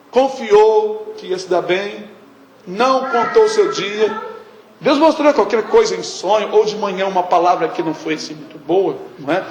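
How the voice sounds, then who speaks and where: A man's voice: high-pitched, a little mellow, reverberant, slight background noise. A male pastor preaching a conversational sermon, often tagging his sentences with questions and acting out prayers. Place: church hall.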